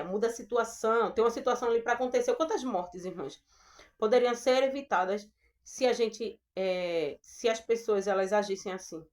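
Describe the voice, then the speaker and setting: A woman preacher with a Brazilian Portuguese accent and a mid-range voice gives a gentle, earnest devotional Bible talk, calling her listeners sisters.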